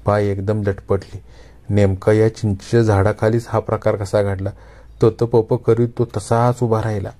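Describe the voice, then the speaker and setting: A male storyteller performs Marathi kathakathan, reading a story aloud with measured, expressive phrasing. His low-pitched voice has a dark tone as he builds the scene slowly and carefully.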